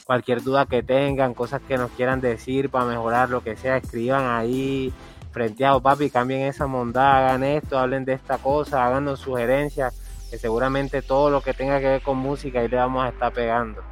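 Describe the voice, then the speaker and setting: A man's voice: medium pitch, flat delivery, brisk. A man with a Colombian Caribbean accent talking casually on a music podcast, emphatic and slangy, often repeating himself for emphasis. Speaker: podcast co-host or guest commentator.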